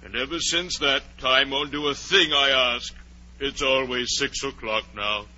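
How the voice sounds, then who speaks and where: An actor playing a mad, touchy, fussy Hatter in a theatrical, blustering 1940s radio drama style. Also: male voice, medium pitch, steady tone, measured pace, pushed and bright. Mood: aggrieved. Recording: muffled old 1940s radio recording.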